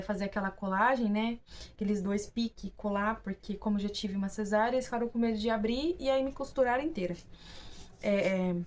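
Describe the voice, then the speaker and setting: A woman's voice: medium pitch, darkish tone. A young woman with a Brazilian Portuguese accent, casually telling viewers her own story, chatty and full of fillers and restarts. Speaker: vlogger.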